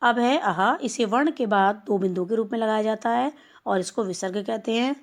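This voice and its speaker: A woman teacher giving a recorded lesson to young schoolchildren, speaking slowly and spelling out each sound one by one. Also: fairly high pitch. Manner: slow, explanatory, spelling out sounds. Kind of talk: recorded class lesson for children.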